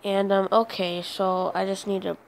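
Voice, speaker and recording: Her voice is medium-pitched, gravelly, and congested as she hosts a gaming channel with flat delivery at a moderate pace. The commentary is rambling and hesitant, full of fillers, and there's loud noise in the background.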